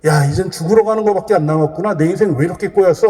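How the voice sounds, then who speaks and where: A man's voice: high-pitched, very fast, mellow, close to an everyday voice. A man voicing a resentful condemned thief who mutters and swears under his breath, heard with long church reverb. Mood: bitter grumbling. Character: bitter condemned male thief, grumbling and self-pitying.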